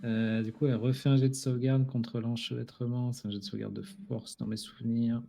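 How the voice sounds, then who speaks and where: A man's voice: medium pitch, little pitch movement, fairly quick, vocal fry, warm tone, faint music behind. A man acting as game master, casually narrating a tabletop role-playing game.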